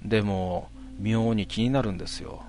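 A man telling a ghost story in a hushed voice, with drawn-out words and dramatic pauses. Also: fairly low pitch, slight background noise.

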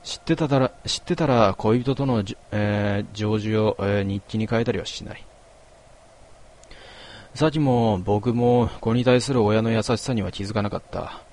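A man reading a first-person story aloud in a measured, quiet and melancholy way. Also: on the low side. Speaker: narrator.

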